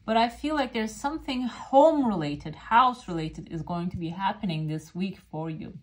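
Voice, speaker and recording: Casting: female fortune teller, English as a second language, mid-pitched voice, informal card and cup reading addressed to the viewer. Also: expressive, normal speed. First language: not English. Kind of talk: casual coffee cup and oracle card reading to camera.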